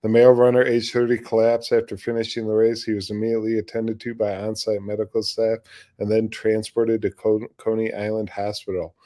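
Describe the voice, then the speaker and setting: A hoarse man with a somewhat low voice hosts a live news stream. He reads stories aloud in a plain way and keeps breaking into rambling, casual commentary full of asides and restarts. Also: completely flat delivery, fairly quick, dark tone. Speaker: livestream news show host.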